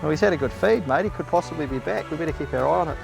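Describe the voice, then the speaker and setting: A man's voice: fairly high pitch, very fast, gravelly, over music. A man, chatting casually. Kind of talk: casual chat.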